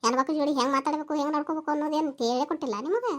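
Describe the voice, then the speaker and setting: A woman's voice: sits high, racing, lightly acted. Woman playing a furious scolding village mother. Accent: North Karnataka Kannada. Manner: loud scolding lecture.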